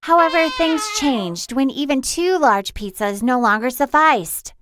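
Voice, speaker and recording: A woman's voice: high-pitched, lively intonation, unhurried, background noise. Young woman narrating her own story. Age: young adult. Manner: earnest, confessional. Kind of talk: first-person story narration.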